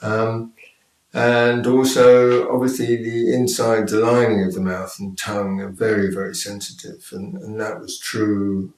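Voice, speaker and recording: A man shares a patient's testimony with measured hesitation. His voice sits somewhat low. The recording is echoey and slightly distant from the mic. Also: flat delivery, a little mellow. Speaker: patient sharing treatment experience. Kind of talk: personal testimony.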